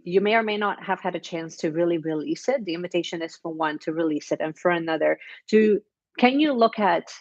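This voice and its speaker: A woman's voice: on the low side, a little mellow, no room sound. Chatty woman reading tarot, dry lo-fi sound. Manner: chatty, encouraging, many fillers and restarts. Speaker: tarot reader. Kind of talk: casual weekly tarot reading.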